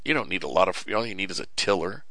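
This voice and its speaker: A middle-aged radio host gives a folksy, preachy, rambling monologue full of fillers and restarts, and his voice is starting to give way. He speaks fast in a low-pitched, creaky, bright and forceful voice with expressive delivery. His studio mic has a cough button and picks up no echo.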